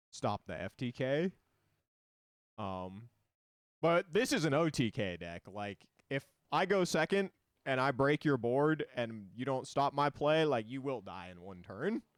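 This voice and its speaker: A man's voice: fairly low pitch, no echo. A man streaming a card game, explaining it in loose, rambling casual talk full of fillers.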